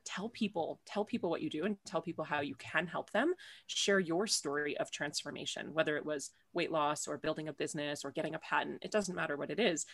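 A woman guest giving encouraging, motivational advice in a radio interview. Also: low-pitched. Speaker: guest, business coach.

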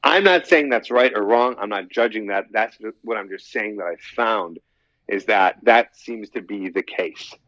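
Speaking as a podcast guest, a dating coach in his 30s chats loosely and at length, repeating himself as he wanders. His fairly low voice has a fairly bright tone and a normal speed. The dry, echo-free audio comes across as dull and slightly lo-fi.

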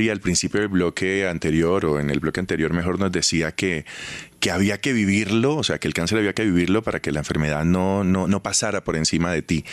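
A man's voice: low voice, no echo. A man hosting an interview, asking probing and empathetic questions. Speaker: interviewer host.

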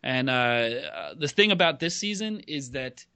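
A man's voice: mid-range voice, animated, unhurried, sharp tone, smooth, no room sound. Late 30s guy, wry and self-deprecating, casual podcast talk, dry close mic. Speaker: podcast regular, blogger.

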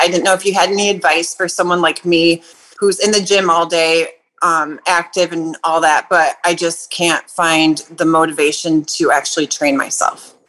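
A woman calling in to a radio show, her voice sitting fairly low for a woman. She talks in a casual, halting way and often pauses with fillers as she looks for the right words. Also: fairly bright tone, poor audio. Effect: caller phoning in to a radio show. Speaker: personal trainer calling in with a question. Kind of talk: casual call-in chat.

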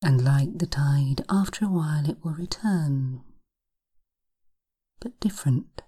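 A woman leading a guided hypnosis in a soft, breathy, half-whispered spa voice, soothing, with drawn-out phrases and long pauses. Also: deep voice. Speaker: hypnotherapist podcast host.

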